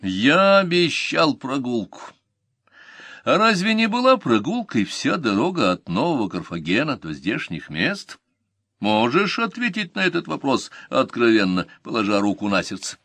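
A man's voice: medium pitch, sing-song, normal speed, a bit bright, dry recording, pitched above the performer's own voice. Man voicing a stern commanding ancient general. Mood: probing. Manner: probing, demanding questions.

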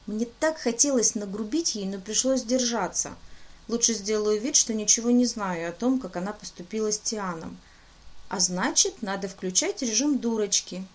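A woman's voice: mid-range voice, moderate pace, darkish tone. A woman narrating a fantasy romance audiobook in the first person, lightly voicing the dialogue.

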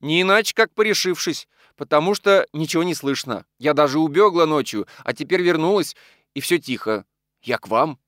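A man's voice: a little high, lively intonation, moderate pace, fairly bright tone, no room sound, clean studio sound, pitched above the performer's own voice. Man voicing a timid, trembling young maid. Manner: timid, folksy talk. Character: trembling young housemaid, simple speech.

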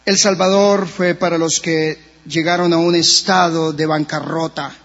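A Colombian man preaching a sermon as pastor in a church, with sudden rises and drops in pitch. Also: flat delivery, unhurried, a bit bright. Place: church sanctuary. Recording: muffled recording with long church reverb.

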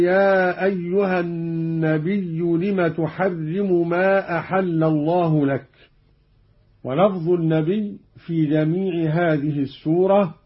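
Male Quran teacher, higher voice, slow and deliberate, chants examples between explanations, lo-fi radio recording. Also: breathy edge. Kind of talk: explaining Qalun readings, chanting verse examples. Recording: dull lo-fi old radio recording.

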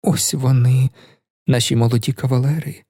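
A man's voice: medium pitch, steady tone, normal speed, dark tone, no room sound, studio quality, close to an everyday voice. A man voicing proud cold young Victoria. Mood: mocking. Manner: cool, impatient, mocking.

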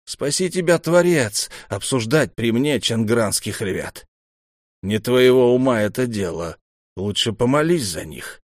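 A man voicing a gruff, threatening warrior who grumbles his words curtly. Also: mid-range voice, expressive, a little slow, no echo, studio quality. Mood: gruff threat. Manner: grumbling, curt.

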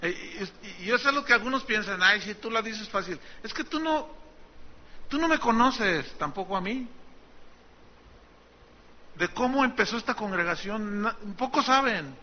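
A man's voice: high-pitched, animated, a little slow, pauses often, muffled recording, slight background noise. A man preaching a sermon as pastor, telling the story conversationally and teasing his congregation.

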